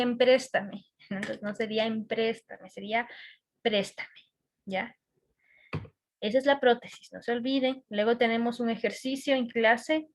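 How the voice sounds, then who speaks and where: An Ecuadorian woman teaching a class over a video call, patient and checking often that students follow. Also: a little high. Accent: Ecuadorian Spanish.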